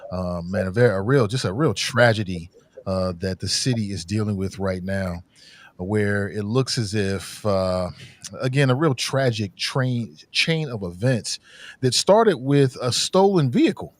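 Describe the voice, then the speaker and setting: A man's voice: fairly low pitch, measured pace, no room sound. Man on dry livestream headset audio. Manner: rambling, repeats words, frank opinions. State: under the weather. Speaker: podcast host. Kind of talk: casual livestream commentary.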